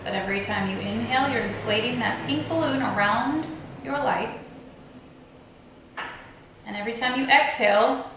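A woman slowly and soothingly guiding a breathing and visualization meditation. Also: mid-range voice, background noise. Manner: slow, soothing, gently instructive. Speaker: meditation guide. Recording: very echoey room, faint ambience.

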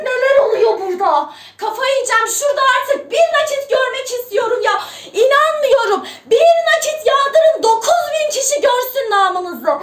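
A woman streamer with a very high, piercing voice, shrieking with excitement as she calls out to her viewers and begs them for gifts. She sits a little away from the mic, and the room gives her voice a hollow echo. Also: far from the mic. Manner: overexcited, shrieking, calling viewers by name; keeps asking viewers for gifts. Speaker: live streamer.

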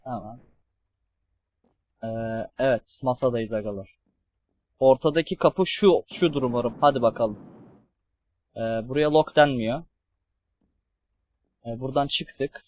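A young man streaming a horror game, swearing and yelling at the enemies on screen. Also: medium pitch, measured pace, long pauses, dry recording, lo-fi sound. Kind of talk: let's play commentary.

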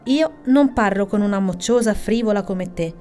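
A woman's voice: medium pitch, normal speed, mellow, soft background music, lightly acted. A woman voicing a proud, touchy old male hedgehog who answers in a huffy, indignant way in a bedtime story.

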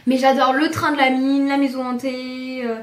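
A woman's voice: sits high, flat delivery, normal speed, far from the mic. Chatty French woman in an echoey room. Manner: enthusiastic, chatty, many fillers. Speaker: YouTuber showing a haul. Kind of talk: casual chat to camera.

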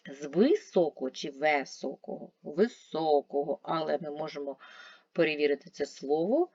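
A woman teacher walks through a grammar lesson step by step, asking questions and answering them herself. Her voice swings widely in pitch and has a gravelly edge. The sound is dry and a little dull. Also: darkish tone, no echo. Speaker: primary school teacher. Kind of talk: video lesson explaining grammar.

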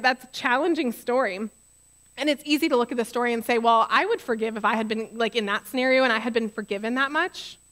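A young woman pastor delivering a sermon in a relaxed, conversational tone. She stays earnest, and brings the story she retells to life with animated asides. Her voice sits a little on the high side.

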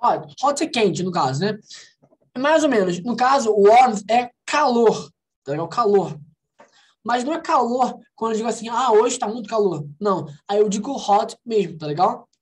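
A man with a Brazilian Portuguese accent leads an online English conversation class. He explains vocabulary patiently, slows down on the English words, and keeps checking in with his students. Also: high voice, animated. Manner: explains patiently, repeating English words slowly and asking "tá legal?". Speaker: English teacher.

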